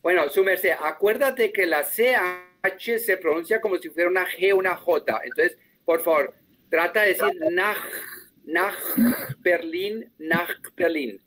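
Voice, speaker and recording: Guy teaching german online, kinda high voice, patient, repeats stuff slow. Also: fairly bright tone. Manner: patient, drills pronunciation slowly. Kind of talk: online class instruction.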